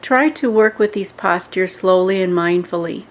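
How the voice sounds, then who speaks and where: With a lowish voice, a woman delivers scripted guided yoga meditation instructions in a measured way, pausing between short phrases.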